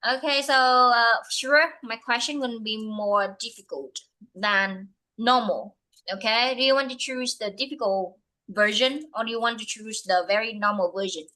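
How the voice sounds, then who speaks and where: A woman teacher with a bright, clear tone and a somewhat high voice gives a student firm, detailed feedback over a video call. She moves between English and Vietnamese and keeps pressing the student to correct mistakes. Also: a little slow, rough recording. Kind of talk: one-to-one speaking test feedback.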